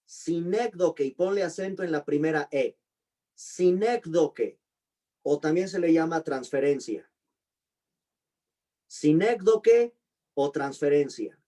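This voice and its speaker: A pastor giving an online Bible class, slowly repeating and spelling out terms and putting questions to his students. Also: on the high side, expressive, mellow. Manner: slow, deliberate spelling-out of terms. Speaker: pastor and teacher.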